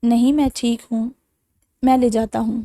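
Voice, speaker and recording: A woman's voice: on the high side, level tone, warm tone, no echo, lightly acted. Woman reading a playful, teasing young man. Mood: calm. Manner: teasing, mock-serious.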